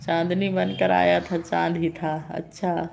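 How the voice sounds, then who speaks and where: A woman's voice: fairly low pitch, little pitch movement, a little slow, gravelly, a little mellow, slight background noise. Playful woman hosting a live stream. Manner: playful teasing, frequent laughter. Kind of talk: casual live-stream chat reading comments.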